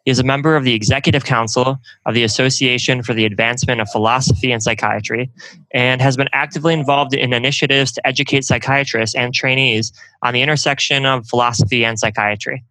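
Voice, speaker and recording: A man hosting a podcast and interviewing a guest, with a measured, scripted introduction. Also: medium pitch, fairly even intonation, pushed and bright, no echo, low-quality recording.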